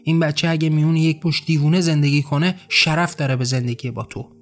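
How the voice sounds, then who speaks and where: A protective old woman in an audiobook story speaks up firmly and reproachfully, as a man reads her lines. The voice sits a touch high, with faint music in the background. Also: steady tone, close to an everyday voice. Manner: firm, reproachful. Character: kind, protective old woman, firm when angered.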